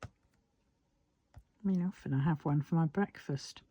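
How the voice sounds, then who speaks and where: A British woman chatting casually while crafting, musing half to herself in a husky, breathy voice. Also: sits low, a little slow, dark tone, dry recording, muffled recording.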